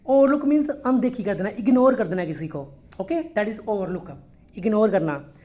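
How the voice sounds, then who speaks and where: Mellow-voiced woman teaching vocabulary. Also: mid-range voice, unhurried. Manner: explains words in Hindi mixed with English, repeats each word for pronunciation; checks in with frequent "okay?". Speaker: English teacher. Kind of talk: vocabulary lesson for test prep.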